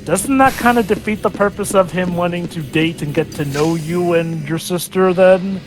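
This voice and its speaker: A man's voice: high-pitched, moderate pace, music in the background. A man casually commenting on a game replay, sarcastic and mocking. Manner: sarcastic, animated, mocking quotes.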